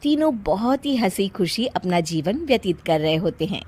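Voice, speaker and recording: A woman narrating a cartoon story in a calm, even storytelling manner. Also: medium pitch, normal speed, slightly rough.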